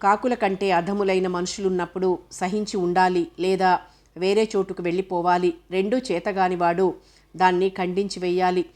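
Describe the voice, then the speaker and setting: A woman's voice: lowish voice, level tone, normal speed, darkish tone, lightly acted. A woman voicing a distressed, guilt-ridden wife in a spoken novel, bitter and self-reproaching.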